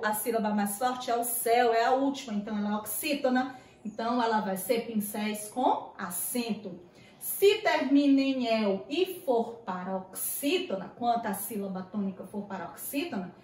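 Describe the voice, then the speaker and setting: A woman's voice: on the high side, reverberant, recorded from a distance, low-quality recording. A woman teaching grammar to sixth graders in a patient, step-by-step way, asking the class questions. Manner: voices imagined student questions. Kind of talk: classroom video lesson.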